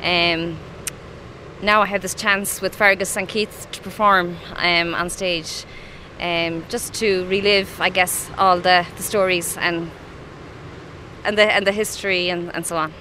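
Bright, lilting Irish woman storyteller. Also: fairly low pitch, steady tone, unhurried, a little hiss or hum, poor audio. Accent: northwest Mayo Irish. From northwest County Mayo, Ireland. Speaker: drama group producer and stage performer. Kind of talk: interview talk, personal reminiscence.

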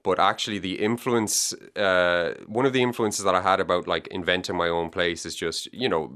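A low, resonant Irish male voice in relaxed conversation. He talks in loose, winding sentences full of restarts and repeated words. The sound is smooth and full. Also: normal speed. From Ireland. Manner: rambling, repeats words, many fillers. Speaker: debut novelist guest. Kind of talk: casual interview chat.

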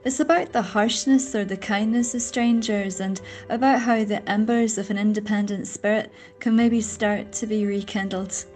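A woman's voice: medium pitch, fairly even intonation, normal speed, hardly any pauses, darkish tone. Woman presenter introducing over faint music. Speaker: radio presenter. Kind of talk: scripted programme introduction.

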